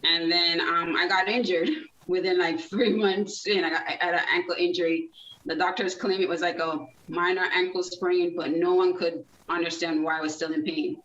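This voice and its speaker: A chatty woman from Jamaica tells her story with lots of restarts and easy laughter. Her voice sits low and comes from away from the mic in a roomy space with dull sound. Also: level tone, normal speed, fairly bright tone, distant mic, a little hiss or hum. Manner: chatty, many fillers and restarts, laughs easily. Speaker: guest, nonprofit founder. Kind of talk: casual interview storytelling.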